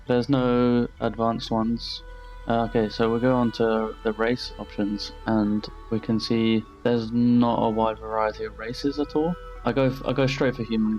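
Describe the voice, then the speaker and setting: A man's voice: on the low side, a little mellow. A young man casually commenting over his gameplay as a channel host, rambling and blunt with frequent swearing. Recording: slightly dull lo-fi voice-over.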